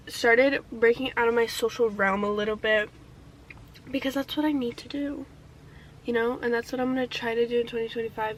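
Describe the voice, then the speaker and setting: A young woman talks straight to camera in a casual year-in-review vlog, bright and clear-toned, her voice sitting a little high. She is candid and chatty, swearing freely, and reflective enough to turn teary. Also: a little hiss or hum, poor audio. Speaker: vlogger.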